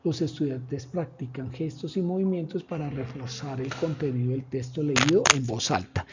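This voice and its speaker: A man presenting a lesson plan in a measured, explanatory way, with pauses and fillers. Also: fairly high pitch, heavy background noise. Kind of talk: slide presentation. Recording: dull lo-fi recording.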